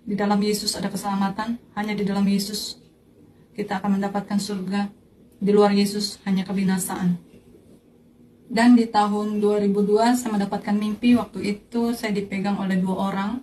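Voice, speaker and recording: A woman telling a personal faith testimony in a slow, earnest way, recounting a vision. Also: medium pitch, level tone, mellow, a little hiss or hum, poor audio. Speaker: church testimony speaker.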